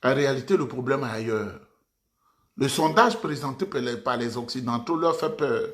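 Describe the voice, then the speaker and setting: A man's voice: medium pitch, animated, normal speed. A man from Ivory Coast, giving impassioned political commentary and addressing his audience formally, repeating phrases for emphasis.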